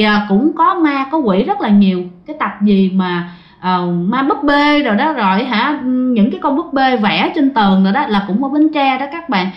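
Chatty woman telling ghost stories. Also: a little high. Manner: chatty, addresses the audience often. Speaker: ghost story narrator. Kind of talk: casual storytelling to listeners. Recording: dull, roomy recording.

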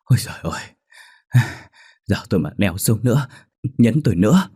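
A man's voice: lowish voice, animated, normal speed, mellow, breathy edge. A man voicing a terrified fisherman who whimpers and panics after a ghost attack, in a spoken horror story. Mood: whimpering.

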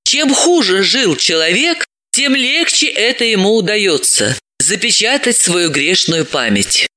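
A man narrating an audiobook novel with expressive storytelling. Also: high-pitched, a little slow. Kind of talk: scripted narration.

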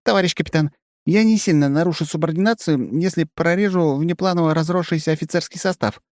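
A man putting on a high falsetto for a fiery young woman cadet. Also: fast talker, no room sound, studio quality, lightly acted. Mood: formal. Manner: raised falsetto, sharp.

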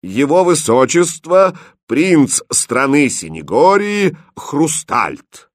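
A man voicing a solemn royal herald who makes slow, ceremonial proclamations in a storybook reading. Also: mid-range voice, very animated, no room sound, clean studio sound, pitched above the performer's own voice.

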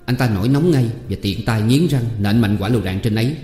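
A man reading a short story aloud in a steady, measured way. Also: medium pitch. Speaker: narrator. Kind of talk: audiobook narration. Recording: roomy reverb with faint music.

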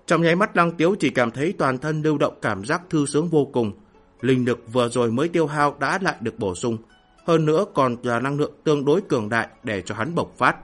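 A man narrating a fantasy novel in a steady, dramatic storytelling manner. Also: mid-range voice, brisk, soft background music. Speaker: audiobook narrator.

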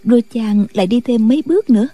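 A woman narrating a martial-arts novel in a steady storytelling voice. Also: a little high, fast. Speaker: audiobook narrator.

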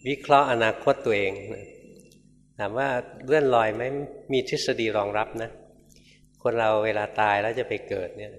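Older Thai monk giving a sermon in a hall. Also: male voice, on the low side, normal speed. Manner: storytelling, acts out quoted lines, chuckles. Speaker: Buddhist monk teacher. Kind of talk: dharma sermon. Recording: long reverb of a hall, faint background noise.

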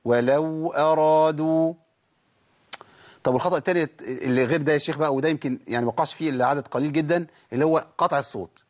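An Egyptian man teaching Quran recitation in colloquial Arabic, asking questions and answering them himself, then reciting verse fragments slowly to show mistakes. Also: on the high side. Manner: lively, asks and answers his own questions, demonstrates verses slowly. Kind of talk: colloquial Egyptian tajweed lesson.

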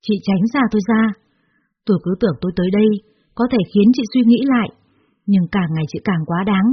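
A woman voices an earnest young man who speaks with firm resolve. The voice sounds breathy. The storybook audio is muffled and dull. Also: mid-range voice, a little fast, lightly acted. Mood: cold.

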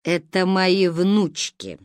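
A woman's voice: lowish voice, very animated, takes it slowly, no echo. A woman reading the part of a sarcastic, imperious old grandmother in a storybook reading. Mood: tart. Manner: caustic, cutting.

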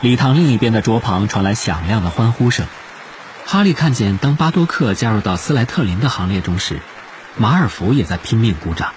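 Male audiobook narrator, expressive, low voice, lively pitch. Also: brisk, a little hiss or hum.

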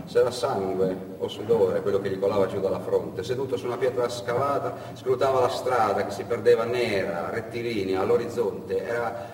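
A man's voice: lowish voice, fairly even intonation, a little fast, a little mellow, slight background noise. A man telling a story aloud in a dramatic theatrical style. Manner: dramatic, varied delivery. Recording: echoey hall from far off.

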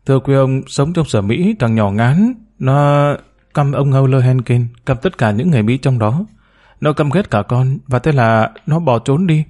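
A man's voice: medium pitch, normal speed, a little mellow, natural voice. A man voicing a timid, humble woman of forty. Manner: deferential, hesitant, pleading. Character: timid humble woman about forty, former bar girl.

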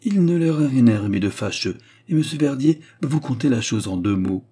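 A man putting on a booming, jovial giant of a hunter. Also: expressive, fairly quick, warm tone, husky. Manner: boisterous and hearty.

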